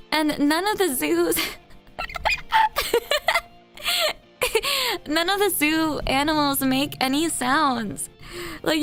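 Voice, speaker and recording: A woman with a high voice and a gravelly fry chats with her stream viewers, rambling and giggling as she teases herself. Soft music plays faintly behind her. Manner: giggly, rambling, self-teasing. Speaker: live-stream host. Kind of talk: casual live-stream chat with viewers.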